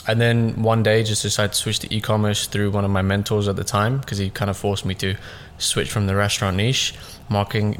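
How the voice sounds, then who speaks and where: In a casual podcast interview, a business owner in his 20s rambles on, his speech loose and full of "like"s and fillers. He was born in Russia and raised in southeast London, speaks in a slightly low voice, and there's slight background noise.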